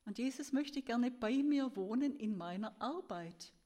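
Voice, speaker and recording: A woman giving a sermon in an earnest, gentle storytelling way, her voice rising and falling as she tells a story. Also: fairly high pitch, animated, measured pace. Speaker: preacher.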